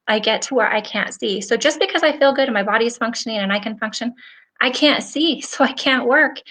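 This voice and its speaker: A middle-aged woman hosting a casual live stream, talking straight to her viewers in an earnest, chatty way and laughing often. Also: mid-range voice. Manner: animated, with frequent laughter. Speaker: host of a live stream for nail professionals.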